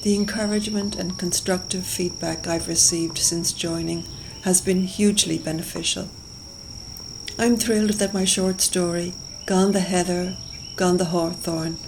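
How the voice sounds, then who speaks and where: A woman's voice: on the low side, fairly even intonation, moderate pace, noisy background. A woman from Galway, giving a scripted personal introduction. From Galway, west of Ireland. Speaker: writing group member. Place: recorded for a lakeside woodland walk video.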